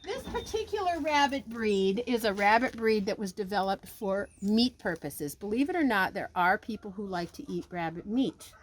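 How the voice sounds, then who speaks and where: A woman's voice: mid-range voice, big pitch swings, normal speed, few pauses, slight background noise. A woman who grew up on a farm, patiently explaining animals as a farm educator.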